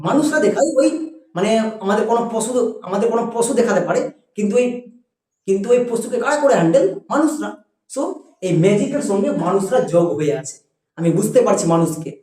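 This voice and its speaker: A teacher giving a spelling and pronunciation lesson, patient and repeating words slowly for students. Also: mid-range voice, animated, warm tone, very echoey, recorded from a distance, poor audio.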